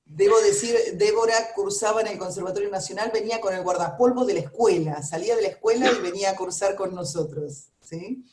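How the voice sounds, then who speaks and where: A woman's voice: mid-range voice, a little fast, few pauses, darkish tone, echoey room, a little hiss or hum. A woman with a Rioplatense Spanish accent hosting a radio interview, chatting with frequent fillers. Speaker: radio host.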